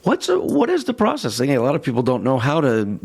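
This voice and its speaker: A man with a medium-pitched voice interviews a guest in a casual way. He is informal and inquisitive as he asks his questions. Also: huge pitch swings, fast talker, gravelly, a little mellow, slightly rough.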